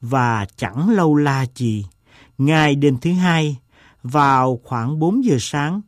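A man reading a story aloud, voicing an eccentric, self-mocking gentleman who tells a long tale in a slow, deliberate way. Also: a little high, expressive, no echo, clean studio sound. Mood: wry.

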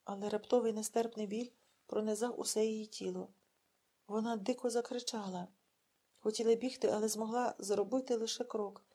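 A woman narrating a literary audiobook in a measured, dramatic storytelling manner. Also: on the high side, fairly even intonation, dark tone, slightly rough.

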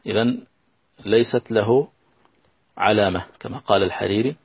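A man teaching a lesson on Arabic grammar, slow and patient, repeating key phrases and working through examples. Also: fairly low pitch, gravelly, husky, no room sound, highs cut off. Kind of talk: recorded classroom lesson.

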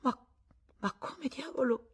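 A man's voice: takes it slowly, breathy edge. A woman reading an audiobook, voicing a blustering husband who is caught lying and covers it with forced cheer. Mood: flustered. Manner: agitated, evasive, bursts of pitch.

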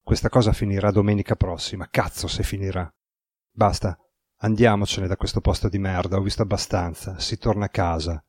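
A man reads the part of a grim, commanding man who broods and swears, his voice low and close. The dry audiobook delivery keeps him curt and heavy. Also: fairly even intonation, brisk, a little mellow, slightly rough, dry recording. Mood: bitter.

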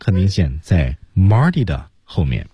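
A man's voice: sits low, sing-song, a little slow, dark tone, husky, no room sound. A man teaching English on a radio lesson, explaining phrases and acting out example lines with big swings in intonation. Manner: demonstrates English lines with exaggerated rising intonation.

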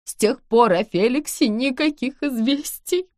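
A frail, hysterical middle-aged wife, put on by a woman reading an audiobook, wails and sobs in a high, strained voice. The sound is dry and close, with no room around it. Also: a little slow, a little mellow, no echo. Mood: sobbing. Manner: wailing, sobbing.

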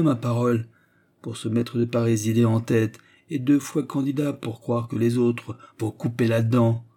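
A man voicing a coarse, scheming middle-aged male estate steward in a gruff, blustering manner. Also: mid-range voice, mellow, close to an everyday voice.

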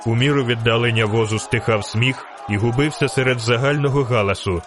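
A man reading a fantasy novel aloud in steady storytelling narration. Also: mid-range voice, brisk, music in the background. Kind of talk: audiobook narration.

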